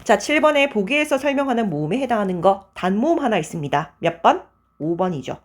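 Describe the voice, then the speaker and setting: Brisk woman teaching a grammar lecture. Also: mid-range voice, big pitch swings. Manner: brisk, keeps checking with students with "맞지?" and "자,". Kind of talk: online exam-prep lecture.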